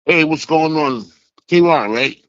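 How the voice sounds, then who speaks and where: A man in his sixties calling in over the phone, telling a rambling, halting story from years past. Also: on the high side, a bit bright, dry recording. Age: 60s. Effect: heard over a phone line. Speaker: caller. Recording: muffled phone line.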